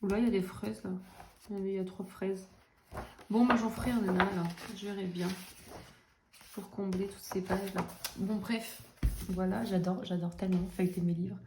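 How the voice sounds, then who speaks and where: A woman's voice: medium pitch, steady tone, moderate pace. A young adult woman chatting casually and jokingly about her coloring books, with lots of fillers. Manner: chatty, self-mocking, many fillers. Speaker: coloring vlogger. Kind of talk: casual chat. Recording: echoey room, faint noise.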